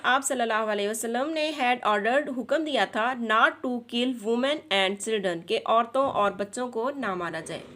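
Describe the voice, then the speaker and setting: High-voiced Pakistani woman teaching children. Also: fairly bright tone. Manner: reads English slowly, then explains in Urdu; addresses children directly. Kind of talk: reading a schoolbook lesson aloud.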